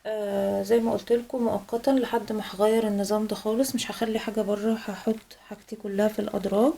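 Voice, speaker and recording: A young woman with an Egyptian Arabic accent, narrating a home vlog in a tired, sighing voice, slow and soft-spoken with many pauses. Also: medium pitch, little pitch movement, vocal fry, a little hiss or hum. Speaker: home vlogger.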